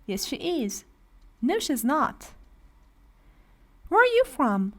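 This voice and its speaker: In a beginner English class for adults, an Iranian woman with a Persian accent patiently walks through grammar and asks learners to repeat. She speaks slowly in a high-pitched, very animated, slightly bright voice.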